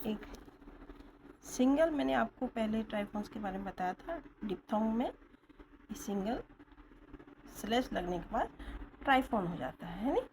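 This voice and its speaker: A woman's voice: on the high side, lively intonation, normal speed, pauses often, a little mellow, slight background noise, poor audio. A woman teaching stenography in a patient classroom manner, spelling words out letter by letter and checking that students follow. She speaks English words with an Indian accent. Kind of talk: classroom lesson explanation. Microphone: camera or phone held at a distance.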